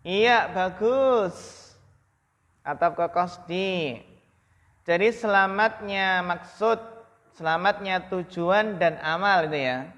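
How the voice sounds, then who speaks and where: A man with an Indonesian accent teaching Arabic grammar to a class. He draws out Arabic phrases slowly, then fires quick questions at students by name. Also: sits high, fairly bright tone, in a large hall. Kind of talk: classroom lesson, calling on students.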